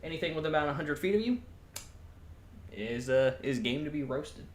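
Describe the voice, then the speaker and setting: A man's voice: on the high side, expressive, normal speed, pitched above the performer's own voice, lightly acted. Man putting on a valley girl mechanic turning country. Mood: breezy, proud. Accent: valley girl with a country twang. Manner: valley-girl casual drawl. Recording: roomy echo, faint background noise.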